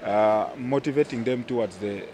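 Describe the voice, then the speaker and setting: A man's voice: medium pitch, moderate pace, background noise. A man in his thirties with a Ugandan accent, a goalkeeper answering interview questions hesitantly with many fillers, outdoors by a pool. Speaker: national team goalkeeper and captain. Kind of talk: casual interview. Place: outdoor poolside terrace. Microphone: handheld mic. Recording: outdoor ambience behind voice.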